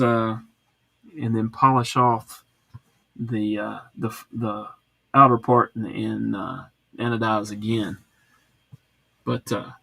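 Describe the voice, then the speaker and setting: Relaxed rambling host, dry sound. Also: male voice, mid-range voice, vocal fry, husky, no echo. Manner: relaxed, rambling, many fillers and restarts. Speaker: livestream host reading viewer comments. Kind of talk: casual live chat. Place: home.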